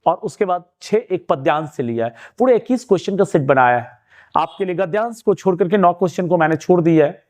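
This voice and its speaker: A man's voice: high voice, darkish tone. A man teaching an exam-prep lesson, explaining step by step and asking and answering his own questions. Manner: urging students to keep watching.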